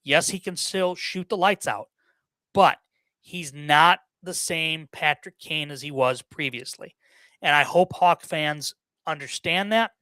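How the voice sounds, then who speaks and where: Man, podcast guest, opinionated sports chat, bright voice, dry close sound. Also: fairly high pitch, unhurried, smooth, no echo. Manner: opinionated, repeats words, many fillers. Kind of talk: casual sports talk.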